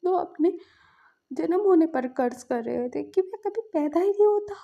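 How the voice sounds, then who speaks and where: A woman's voice: high-pitched, normal speed, mellow. Woman voicing a pleading young man, dull lo-fi. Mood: distraught. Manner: pleading, tearful and repetitive. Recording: dull lo-fi recording.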